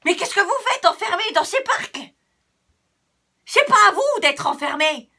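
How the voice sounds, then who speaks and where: A woman voicing a small, young male path who is rebellious and fiery, shouting rallying cries in a storybook tale. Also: very high-pitched, very animated, unhurried, pitched above the performer's own voice, exaggerated voice. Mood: rousing.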